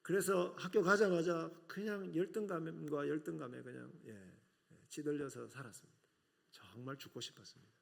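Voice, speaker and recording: Speaking in a regional Korean accent from outside Seoul, this middle-aged preacher and seminary professor delivers an earnest sermon to his congregation, posing rhetorical questions and frequently saying "yes" as filler. His fairly high voice is gravelly and moves at a moderate pace.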